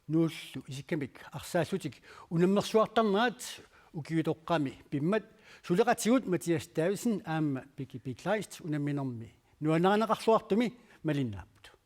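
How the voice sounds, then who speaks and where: Male news anchor, formal steady read, voice sits a bit high. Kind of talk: scripted news reading.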